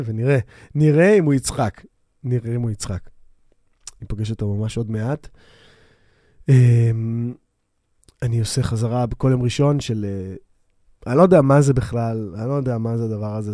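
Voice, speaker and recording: A man's voice: medium pitch, mellow, no room sound, clean studio sound. A man hosting his own podcast, talking casually into a microphone on a stand, rambling with many fillers and restarts and often poking fun at himself. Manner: self-deprecating and quick to laugh. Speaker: podcast host; bassist. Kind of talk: casual solo podcast monologue. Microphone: new microphone on a stand.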